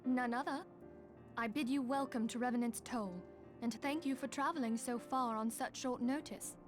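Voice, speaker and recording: An actress voicing a courteous, dignified leader in a video game, speaking formally and politely over music. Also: female voice, on the high side, steady tone, moderate pace, natural voice. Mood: gracious.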